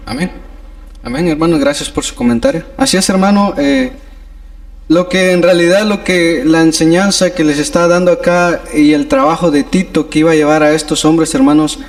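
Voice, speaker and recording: Gravelly Bible study teacher man. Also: a little high, expressive, normal speed. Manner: earnest, repeats "hermanos" often. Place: church.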